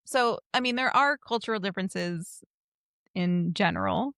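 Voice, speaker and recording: A woman's voice: medium pitch, animated, unhurried, fairly bright tone, no echo. Lady cohost, chatty, laughs a lot, dry close sound. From United States. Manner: chatty, laughs often, mimics voices. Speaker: podcast co-host. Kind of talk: casual chat.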